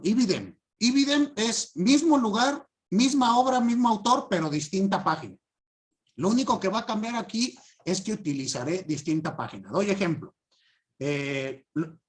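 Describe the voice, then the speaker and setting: A man giving a class lecture, stressing key words and often asking students if it is clear. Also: high-pitched. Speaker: law teacher.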